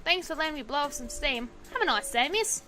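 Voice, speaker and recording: A man's voice: very high-pitched, lively intonation, fairly quick, bright, forceful tone, faint music behind, pitched above the performer's own voice, heavily acted. A woman voicing a young, angry male taxi driver in a video game, ranting heatedly in a put-on accent. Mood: friendly.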